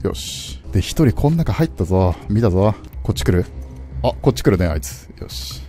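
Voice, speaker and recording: A man commenting on a game he plays, swinging from low mutters to startled yelps. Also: expressive, normal speed. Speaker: game streamer. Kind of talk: excited let's-play commentary. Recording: game music loud behind voice. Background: game sounds and music.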